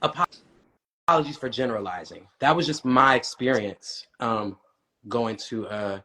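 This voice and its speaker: Male guest, reflective and thoughtful, medium pitch. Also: normal speed, sharp tone, a little hiss or hum. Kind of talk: casual conversation.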